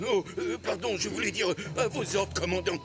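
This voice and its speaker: Man playing a bumbling high-pitched cartoon army sergeant. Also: moderate pace, loud music behind the voice, lightly acted. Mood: nervous, obedient. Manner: flustered, hesitant, stammering bluster. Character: bumbling, cowardly, food-loving army sergeant. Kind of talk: French animated series acting.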